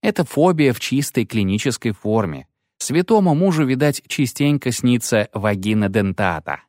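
A man's voice: mid-range voice, expressive, normal speed, a little mellow, no room sound, clean studio sound, voice pushed up, close to an everyday voice. A man doing a muttering clinical scholar. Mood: dry.

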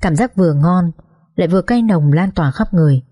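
A woman narrating an emotional first-person story in a soft, heartfelt way. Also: on the low side, lively intonation, a little fast, slightly rough. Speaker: audiobook narrator.

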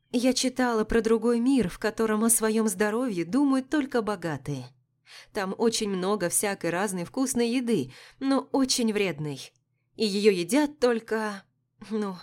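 A woman's voice: medium pitch, a little mellow. Woman narrating a novel audiobook.

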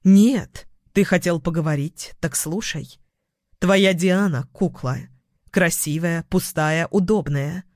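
A man's voice: a little high, takes it slowly, no echo, clean studio sound. A man reading the lines of a cold, composed young woman psychologist who answers in a cutting, level way.

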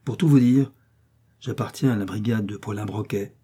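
Voicing a composed, confident detective's agent, a man explains things in a steady, reassuring way, his voice on the low side with a breathy edge.

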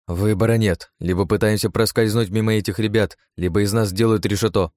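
A man's voice: fairly low pitch, fairly even intonation, brisk, a little mellow, dry recording, clean studio sound, lightly acted. A man voicing a tough, cocky young woman captain in an audiobook, giving clipped commands. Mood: cool.

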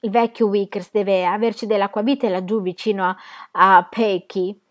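A woman's voice: medium pitch, steady tone, normal speed, lightly acted. A woman reading a novel aloud, voicing a quarrelsome drunk man who picks a fight in a diner. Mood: drunken. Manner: loud, blustering.

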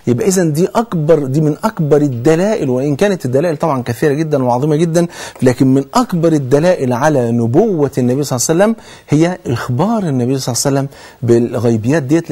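Fast-talking Egyptian preacher with a husky voice. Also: male voice, fairly high pitch, dark tone. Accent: Egyptian Arabic. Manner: asks rhetorical questions and answers them himself; earnest, swears oaths to stress points. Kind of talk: religious sermon.

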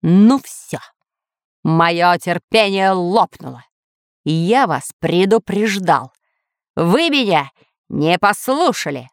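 A gloating masked villain out of a children's storybook, as a woman narrator puts him on. He booms his threats slowly in a lowered voice, with a close, dry sound. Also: lively intonation, a bit bright, smooth, dry recording. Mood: menacing. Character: boastful masked villain, self-styled ruler of the island.

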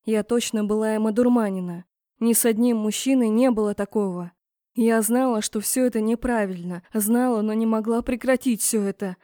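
Woman reading a romance fantasy story, dramatic, mellow voice, dry close mic. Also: fairly high pitch, fairly even intonation, normal speed, dry recording. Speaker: audiobook narrator. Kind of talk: first-person romance fantasy narration.

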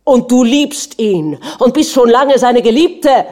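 A furious, jealous older prince bellows and chokes on his own rage, as a woman reads him aloud. His voice climbs high and loud in his outbursts. The timbre underneath stays warm and mellow. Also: animated, slow pace. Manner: shouting, choking with rage. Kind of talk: audiobook reading.

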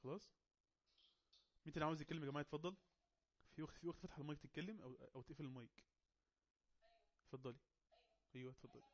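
A man with an Egyptian Arabic accent running an online English class, coaxing and teasing quiet students to speak up. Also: fairly high pitch, racing, pauses often. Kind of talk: casual online class moderation.

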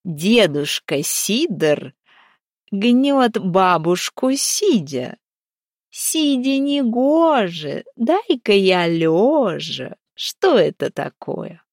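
A woman voicing a mocking fiery giant maiden who speaks in slow, teasing riddles. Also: medium pitch, big pitch swings, no room sound, clean studio sound, voice pushed up, full character voice. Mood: sly.

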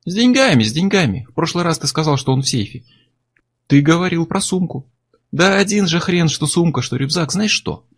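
A man's voice: on the high side, lively intonation, brisk, breathy edge, voice pushed up. A man voicing a menacing armed male criminal who talks in a coarse, sneering, threatening way. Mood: mock-cheerful.

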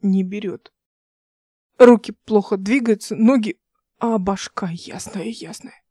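A woman reading the part of a drunk, dazed male starship pilot with slurred, halting speech in an audiobook. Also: mid-range voice, steady tone, warm tone, no room sound, studio quality, close to an everyday voice. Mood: slurring.

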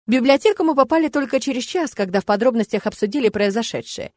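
A woman narrating a first-person audiobook in a wry, lively storytelling manner. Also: a little high, fast talker, dry recording.

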